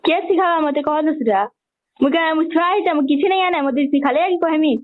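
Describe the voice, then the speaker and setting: On a recorded phone call, a young woman plays the daughter in a family argument, hurling colloquial accusations in a confrontational manner. Her voice sits high, and she speaks at a moderate pace.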